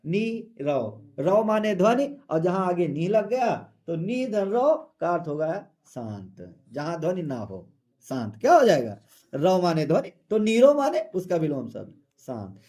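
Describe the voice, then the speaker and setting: A man teaching a Hindi poem, reciting the verses slowly and then explaining them in plain words. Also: sits high, a little mellow.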